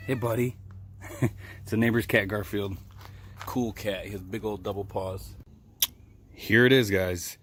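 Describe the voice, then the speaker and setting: A man vlogging casually, telling animated, excitable stories with fillers and laughs, partly recorded outdoors. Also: sits low, a little hiss or hum. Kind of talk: casual vlog storytelling.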